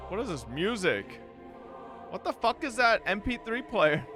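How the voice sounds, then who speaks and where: A man streaming a visual novel, reading its text aloud with wry, profane asides and a low hush for tense narration. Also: big pitch swings, measured pace, over music. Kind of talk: reading game text aloud between casual remarks.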